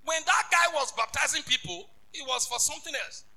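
A man preaching a sermon as a bishop, emphatic and repetitive, rising to shouts. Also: very high voice, a little fast, low-quality recording.

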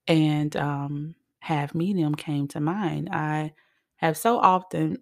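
A woman from Chicago hosting her own podcast as a psychic medium, talking chattily and excitably straight to her listeners. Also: sits low, gravelly. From Chicago, United States. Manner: chatty and excitable, addresses listeners directly with "honey" and "you guys". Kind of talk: casual solo podcast talk.

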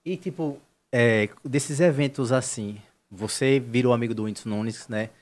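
A man hosting a casual chat, throwing in eager questions and reactions. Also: medium pitch. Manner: quick, eager interjections and questions.

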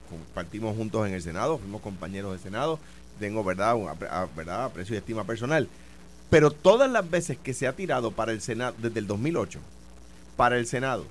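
A man's voice: medium pitch, a little hiss or hum. A man with a Puerto Rican accent in a heated political debate, insistent and repeating his points to press them. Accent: Puerto Rican Spanish. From Puerto Rico. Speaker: political commentator, former governor.

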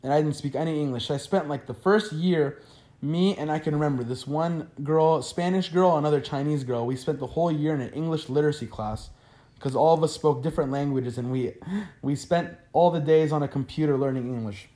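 Answering interview questions casually, an Arabic-speaking college freshman chats easily and peppers his speech with "like." His warm, mellow young adult voice is a little high, and he talks briskly.

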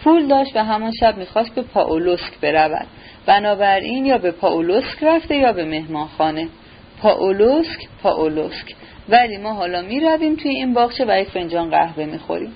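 A woman's voice: mid-range voice, lively intonation, slight background noise, lightly acted. A woman reading the lines of a servile, flustered older man who fawns over a prince, in a storybook reading on a dull recording. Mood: fussing. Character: fawning, fussy older man, habitual liar.

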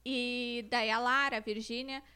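A woman with a southern Brazilian gaúcho accent, a relaxed guest in a casual chat. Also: a little high, a little slow, clear, resonant tone. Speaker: guest, influencer.

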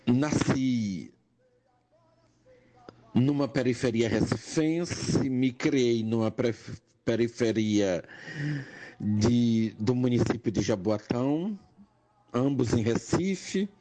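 An older man with a Pernambuco accent, a nurse and educator, giving a slow, measured personal testimony that rises in emphasis on key points. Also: medium pitch, dark tone. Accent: Pernambuco Portuguese. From Brazil, Pernambuco.

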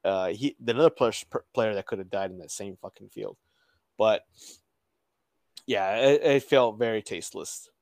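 A man's voice: lowish voice, a little mellow, no echo. Laughing, cursing man chatting about football. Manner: profane, laughs often, halting restarts. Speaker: podcast co-host. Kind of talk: casual sports chat.

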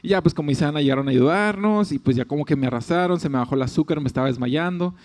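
A young man with a Mexican accent, casually telling a personal story with lively asides and quoted voices. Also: a little high, fast talker. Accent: Mexican Spanish. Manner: animated, chatty, fillers, laughs, quotes others.

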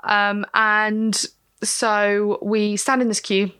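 A woman's voice: medium pitch, smooth. A woman co-hosting a podcast, chatting casually and with animation. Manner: chatty, animated, quick to laugh. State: hiccups. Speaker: podcast co-host. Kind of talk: casual chat.

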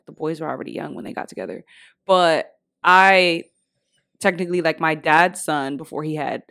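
Young woman, podcast co-host, very low voice, gravelly fry, hesitant casual talk. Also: normal speed, a bit bright, no room sound, studio quality. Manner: hesitant, full of restarts and fillers. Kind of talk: casual chat.

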